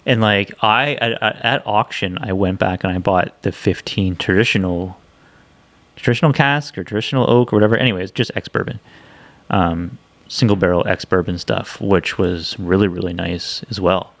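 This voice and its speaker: A man's voice: sits low, normal speed. A man co-hosting a podcast in casual, rambling chat. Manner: rambling, restarts, chatty. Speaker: podcast co-host.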